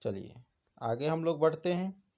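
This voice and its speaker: Guy teaching exam prep, voice on the higher side, keeps asking then answering himself. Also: lively intonation, measured pace, dark tone. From India. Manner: explaining, asks questions and answers them himself.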